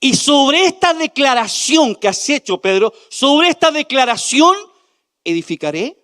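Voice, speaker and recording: A man preaching a sermon as pastor, asking the congregation questions and swinging from loud declarations to hushed near-whispers. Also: very high voice, sing-song, a little slow. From Chile.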